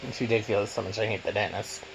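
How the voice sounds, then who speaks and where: A man's voice: lowish voice, fairly even intonation, fast talker, creaky. A man vlogging casually as he eats, rambling and repeating himself for emphasis. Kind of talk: casual mukbang chat while eating. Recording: noisy room, clattering cutlery and dishes.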